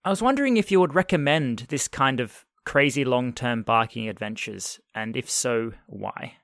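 A man hosting a podcast interview, giving short reactions and asking quick-fire questions. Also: medium pitch, lively intonation, creaky, fairly bright tone, no echo, studio quality, soft background music. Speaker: podcast host. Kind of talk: casual interview.

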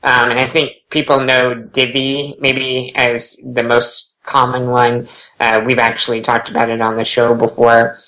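A man's voice: medium pitch, level tone, a little slow, sharp tone, rough recording. Matter-of-fact man on a podcast. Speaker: podcast panelist. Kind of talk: casual podcast chat.

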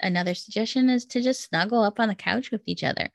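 A woman's voice: mid-range voice, quick pace, vocal fry, dry recording, clean studio sound. A woman in her thirties hosting a casual solo advice talk, explaining things step by step in an upbeat, tidy, encouraging way. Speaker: podcast host giving relationship advice. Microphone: close microphone, dry sound.

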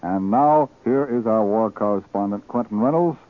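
A man's voice: lowish voice, moderate pace. A man anchoring a network newscast, reading bulletins in a formal announcer's delivery that repeats key facts, heard as an old 1940s wartime radio broadcast. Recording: tinny narrow-band 1940s radio broadcast.

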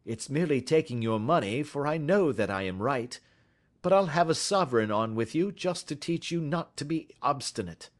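A man voicing a shrewd, calm detective who speaks in a measured, offhand way in an audiobook story. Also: on the high side, voice pushed up, lightly acted. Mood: cool. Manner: calm, measured, careless-seeming. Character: cool, shrewd male detective, middle-aged.

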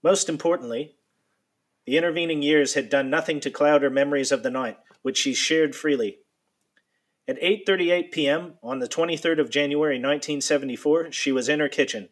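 A man reading a nonfiction account aloud in a steady, measured storytelling manner. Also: fairly high pitch. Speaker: narrator.

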